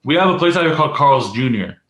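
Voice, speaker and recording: A man's voice: medium pitch, expressive, fast talker, a bit bright, echoey room. A man co-hosting a podcast, telling a long story in casual chat, full of fillers and restarts. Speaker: podcast co-host.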